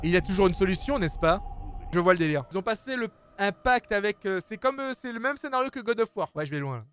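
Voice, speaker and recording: High-voiced man joking through a game. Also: animated, quick pace, a bit bright, smooth. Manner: playful, jokes with the game characters. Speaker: gaming YouTuber. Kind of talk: casual let's-play commentary.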